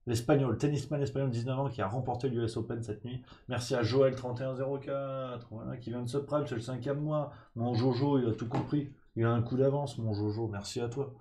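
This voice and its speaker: Casual joking streamer. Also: male voice, mid-range voice, a little mellow. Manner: loose and joking, reads chat messages and thanks subscribers. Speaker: streamer hosting a morning press review. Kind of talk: casual live-stream chat.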